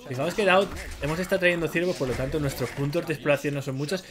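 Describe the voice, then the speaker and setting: A man's voice: a little high, steady tone, fast, a crowd in the background. A man with a Spain Spanish accent giving casual, slangy live commentary as he streams a ranked strategy game and talks to his viewers. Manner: chatty, slangy, talks to viewers while playing.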